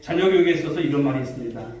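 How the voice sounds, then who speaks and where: Male pastor preaching, warm mellow voice, tons of church echo, far from the mic. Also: fairly high pitch, animated, very fast, faint music behind. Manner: preaching to a congregation, posing questions and telling stories. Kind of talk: sermon. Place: large church sanctuary. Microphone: distant mic in a reverberant hall. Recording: very echoey hall, voice from far off.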